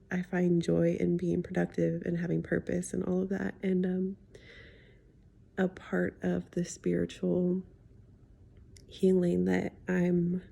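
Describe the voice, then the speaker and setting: A woman talking reflectively in a confiding personal vlog as a healing coach, with slightly lisped speech from wearing a retainer, pausing thoughtfully and often softening to a near-whisper. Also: fairly low pitch, gravelly, breathy edge. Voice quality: slight lisp from speaking with a retainer in. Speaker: spiritual healing coach sharing a personal story.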